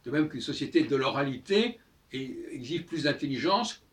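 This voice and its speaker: Older man musing, lively pitch. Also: moderate pace, recorded from a distance. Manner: musing, with frequent hesitations and repeated words. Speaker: host of a talk channel. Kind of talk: casual monologue.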